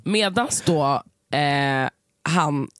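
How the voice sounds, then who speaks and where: A man co-hosting a podcast, telling a story in animated, swear-filled casual chat and acting out what people said. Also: a little high, no room sound, studio quality. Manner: animated, swears a lot, acts out quotes. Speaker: podcast co-host.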